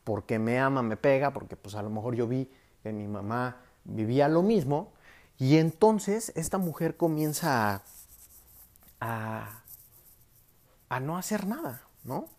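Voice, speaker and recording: A man's voice: medium pitch, expressive, slow, pauses often, darkish tone. A man talking conversationally, telling an example story as a speaker on a topic, with frequent tag questions. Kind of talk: storytelling talk.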